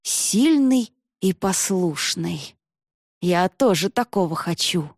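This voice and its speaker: A woman's voice: fairly low pitch, takes it slowly, no echo, clean studio sound, full character voice. A woman voicing a bold, cheeky young woman archer who talks brashly and jokes a lot. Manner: brash, excited, joking.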